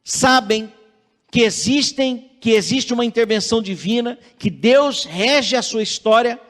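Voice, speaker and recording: A Brazilian man with a fairly high voice delivers a sermon at an unhurried pace, reading scripture aloud earnestly. His voice carries through a church hall with a long, ringing reverb from an online service stream. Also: a bit bright. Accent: Brazilian Portuguese. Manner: measured, earnest preaching, reads scripture aloud. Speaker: preacher. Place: church sanctuary.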